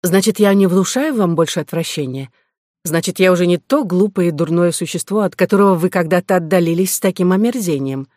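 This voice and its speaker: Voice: mid-range voice, fairly quick, a little mellow, dry recording, studio quality, lightly acted. A reader voicing a worldly courtesan who lectures her sister in a reproachful, scolding way, in an audiobook of a classic novel. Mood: defiant. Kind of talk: audiobook reading.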